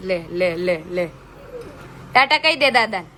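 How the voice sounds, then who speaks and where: A woman's voice: on the low side, lively intonation, measured pace, bright, forceful tone. A woman chatting through a home vlog, often cooing in baby talk to an infant. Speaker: vlogger. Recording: noisy with passing traffic.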